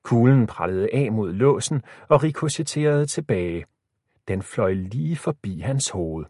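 Expressive male audiobook narrator. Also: on the low side, slightly rough, no room sound, clean studio sound. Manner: expressive storytelling.

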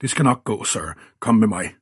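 A man's voice: lowish voice, animated, fairly bright tone, husky. A man doing a polite young police constable. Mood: calm helpful. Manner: polite, calls him sir. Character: pale young male police constable, helpful.

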